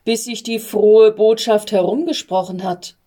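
A woman voicing a patient male archangel in a storybook reading, with a calm, measured, reassuring manner. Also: mid-range voice, natural voice.

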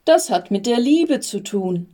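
A woman voicing a patient male archangel in a storybook reading, with a calm, measured, reassuring manner. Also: a little high.

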